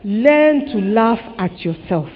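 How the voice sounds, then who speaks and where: A woman's voice: a little high, takes it slowly, faint music behind. Woman preaching in an echoing hall. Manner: animated, acts out quoted remarks with short exclamations. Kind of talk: sermon preached in English with live interpretation. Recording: dull, reverberant hall sound.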